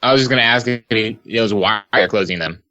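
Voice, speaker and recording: A man's voice: on the low side, a little fast, sharp tone, lo-fi sound. A man co-hosts a casual podcast, teasing his friends and then turning to curious questions. He talks in an easy, conversational way. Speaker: podcast co-host. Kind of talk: casual chat.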